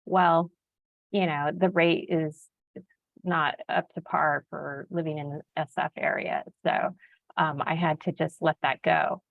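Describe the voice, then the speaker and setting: Gravelly woman on phone-like audio. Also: deep voice, fairly even intonation, measured pace, dry recording. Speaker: job seeker in a coaching session. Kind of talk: casual explaining in conversation. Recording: thin phone-like call audio.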